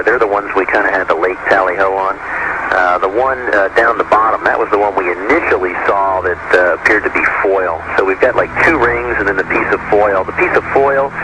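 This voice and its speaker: A man, an astronaut, reporting over a space-to-ground radio transmission in a plain, matter-of-fact way. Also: deep voice. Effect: radio transmission from orbit. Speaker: astronaut aboard the shuttle. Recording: loud static hiss, distant radio.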